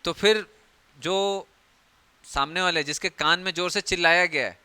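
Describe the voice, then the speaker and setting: A man's voice: high-pitched, a little slow, bright, forceful tone, clear, resonant tone, no room sound. A young man teaching biology in a chatty, joking classroom lecture, acting out everyday scenes.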